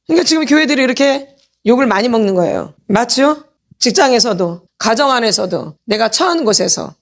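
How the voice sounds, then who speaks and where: A woman pastor preaching a sermon, quoting scripture slowly and asking her listeners questions again and again. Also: on the high side, animated. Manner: asks the congregation constant questions. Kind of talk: sermon teaching. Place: church meeting hall.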